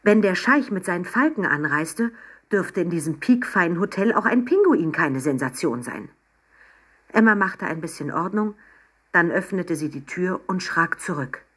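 Husky, low-voiced woman reading a bedtime story. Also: expressive, normal speed, a bit bright.

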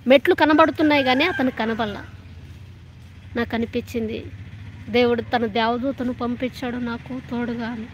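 A woman evangelist of about thirty tells her personal religious testimony. Her voice sits high, and she speaks with earnest feeling, often restarting her phrases as she recalls the story. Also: fairly even intonation, moderate pace, long pauses, slight background noise. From Telangana, India.

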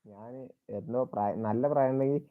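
Reading out viewer comments, a man on a casual live stream chats, jokes around with people and greets them by name. He talks fairly quickly at medium pitch, a crowd audible behind him, in a dry, slightly dull recording.

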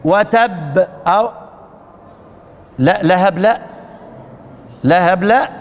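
A man's voice: high voice, slow, in a large hall. A man with an Upper Egyptian accent teaching Quran recitation in a casual classroom lecture, quizzing his students and joking with them. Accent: Upper Egyptian Arabic. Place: mosque lesson hall.

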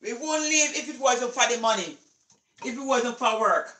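An older Jamaican woman talks freely to her camera while she cooks, with a bright, high voice. Her speech drifts into patois, and laughter breaks through it. The phone sits on the counter, and the kitchen gives the sound an echo. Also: lively intonation, moderate pace. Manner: chatty, mixes patois into speech, laughs often. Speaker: cooking vlogger. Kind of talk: casual chat while cooking. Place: home kitchen. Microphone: phone camera set on the counter.

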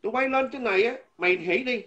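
High, sharp-voiced man ranting coarsely. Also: fast, dull audio. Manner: coarse, insulting, repetitive, stumbles over words. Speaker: vlogger. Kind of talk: angry ranting monologue. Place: living abroad.

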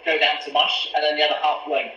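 Explaining every step of cooking as a live-stream guest, a man who supplies pasta speaks from his home kitchen in a fairly high, level, bright, forceful voice at a quick pace. The video call camera sits a few feet off, giving lo-fi, echoey sound with slight background noise.

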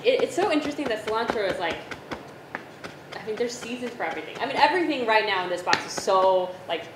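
A woman in her thirties with a medium-pitched voice hosts a cooking chat, animated and fast-talking, chatty and full of likes and restarts. A distant camera records her in an echoey home kitchen, with loud clatter and background noise.

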